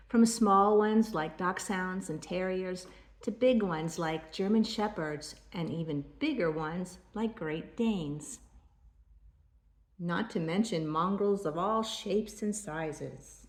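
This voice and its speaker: Echoey older woman, grandma storytelling voice. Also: fairly low pitch. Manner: grandma voice, measured storytelling delivery. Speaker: grandmother reading aloud. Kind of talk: read-aloud children's storybook narration.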